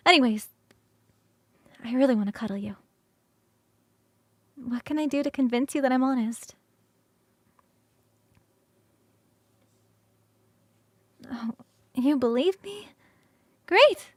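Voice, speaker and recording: Sounding reassuring and amused, a woman performs a scripted ASMR roleplay as a young-sounding, girlish succubus roommate who is affectionate, playful and eager for cuddles. She's a streamer, recorded close with no echo, coaxing the listener in an expressive, halting way.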